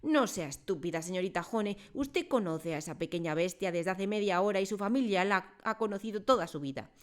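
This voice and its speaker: A woman playing a towering tyrant headmistress, shouting and scornful, pitched up and loud, audiobook. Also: lively intonation, a little fast, natural voice. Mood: furious. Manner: loud, raging, contemptuous. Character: huge brutal bellowing woman headmistress.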